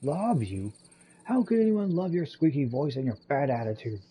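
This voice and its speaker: A man's voice: mid-range voice, expressive, a little slow, gravelly, dark tone, a little hiss or hum. A man voicing a brash, boastful young male warrior who bickers. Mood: flustered. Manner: cocky, bickering.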